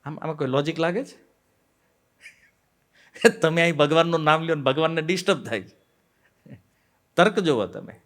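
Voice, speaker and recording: A man gives a devotional lecture on scripture, telling stories, posing rhetorical questions and acting out the quoted voices. He swings between loud emphasis and quiet asides. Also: a little high, moderate pace, long pauses. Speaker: devotional speaker on the Bhagavad Gita.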